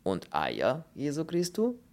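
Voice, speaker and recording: A man reading the lines of a calm, ironic fellow prisoner in a dry, sardonic manner. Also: on the high side, slow pace, voice pushed up, full character voice.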